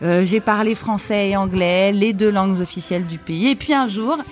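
A woman from France, co-hosting a podcast, telling a personal story in a lively, chatty way. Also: medium pitch, moderate pace, soft background music. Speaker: podcast co-host.

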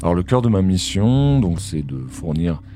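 Analyst guest, male, voice-changer disguise pushing his voice extremely deep; measured, explains things with hesitations. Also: big pitch swings, mellow. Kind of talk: podcast interview.

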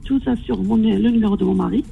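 An older woman from Morocco calling into a radio show, speaking in a halting, hesitant way with frequent apologies. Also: mid-range voice, gravelly, slightly rough, phone-quality sound, faint music behind. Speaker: caller. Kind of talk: phone-in chat.

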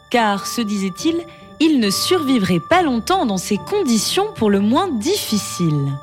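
Storyteller, female, expressive and lively, over background music. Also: medium pitch. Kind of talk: storybook narration.

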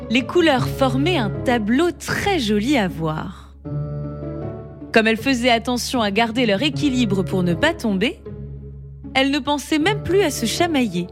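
Female storyteller, expressive bedtime-story narration, slightly high voice, over music. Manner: expressive, melodic reading. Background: background music.

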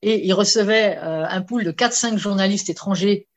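A woman, a sports journalist, telling an anecdote in casual conversation, animated, with many fillers and repeated words. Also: mid-range voice, normal speed. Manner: lively storyteller with many fillers and repetitions.

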